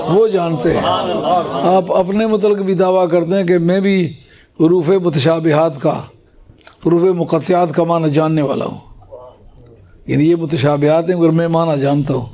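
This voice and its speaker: Guy giving a scholarly religious talk, kinda high but mellow voice, explains stuff slow and patient. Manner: explanatory, recites Arabic phrases slowly.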